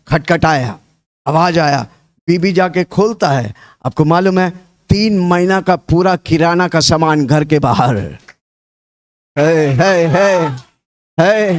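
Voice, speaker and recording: A man preaching a sermon. He tells stories with lots of repetition and rouses the congregation, urging them to repeat his words back. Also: high voice. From India. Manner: rousing call-and-response, urging the congregation to repeat; storytelling with repetition.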